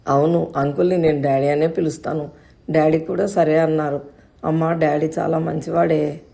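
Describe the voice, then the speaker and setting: A woman's voice: low voice, flat delivery, moderate pace, gravelly, dark tone. A woman voicing a chatty, innocent young boy who asks questions and rambles on.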